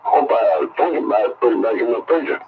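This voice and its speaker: A man's voice: medium pitch, lively intonation, brisk. A man chatting casually over a CB radio, rambling on in a folksy way. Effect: heard over a CB radio. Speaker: CB radio operator. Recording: tinny radio band with loud static.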